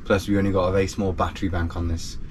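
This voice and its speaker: A man's voice: deep voice, little pitch movement, racing, slight background noise. A man in his thirties explaining something casually to camera inside a small boat cabin. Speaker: sailing vlogger.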